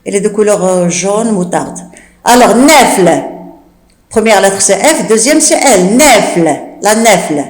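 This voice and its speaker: A woman teacher giving a slow spelling lesson, repeating each rule and spelling out letters one by one, with the odd hesitant filler. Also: medium pitch, expressive, reverberant, rough recording. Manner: fillers like "euh" and "d'accord". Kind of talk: slow classroom dictation lesson.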